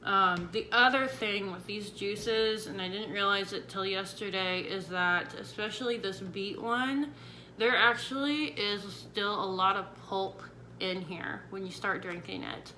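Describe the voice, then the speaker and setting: In a rough recording with clear background noise, a woman with a mid-range voice and sharp tone speaks at a measured pace. It's a casual vlog in which she chats to viewers and shares tips one week after jaw surgery.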